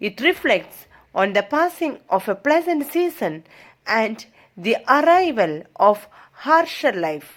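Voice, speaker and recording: A woman tutor giving an exam-prep lesson. She reads English notes slowly as if dictating, then explains them quickly in her own words with hesitant fillers. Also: high-pitched, very animated.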